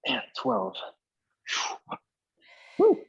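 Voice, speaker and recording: A man's voice: drawn-out words, muffled recording. A man coaching a live workout in an echoey indoor room, giving short cues and counting reps as he exercises along. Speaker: fitness coach leading a workout class.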